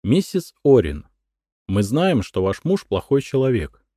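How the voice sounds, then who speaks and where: A man voicing a calm young man who speaks gently and coaxingly, in an audiobook. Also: fairly low pitch, a little slow, breathy edge, dry recording, clean studio sound, voice pushed up, exaggerated voice.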